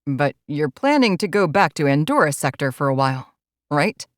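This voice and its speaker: A laid-back male alpha murmurs in an unhurried drawl, voiced by a woman reading the story. The voice is pitched low and recorded dry and close. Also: big pitch swings, no echo. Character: easygoing blonde adult male alpha.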